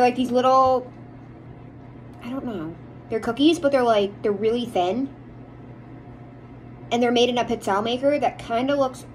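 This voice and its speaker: Poor audio with a little hiss or hum carries a slightly high female voice. She's an American vlogger doing casual chit-chat for viewers, wandering from topic to topic and voicing strong opinions about what she loves or can't stand.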